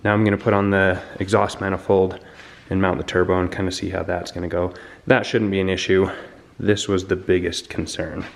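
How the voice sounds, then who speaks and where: A man with a low, deep voice chats to the camera while he wrenches on a project car in a garage. He sounds eager and casual, and his voice drifts nearer and farther from the camera mic as he moves around the work. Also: vocal fry, echoey room, a little hiss or hum. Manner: excited, chatty, talks to camera while working on the car. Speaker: car builder and channel host. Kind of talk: casual garage build vlog.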